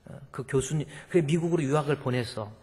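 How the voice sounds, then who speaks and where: A male pastor telling a story in a sermon, dramatic and swinging between hushed and loud. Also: a little high, fast talker, breathy edge, big-room sound.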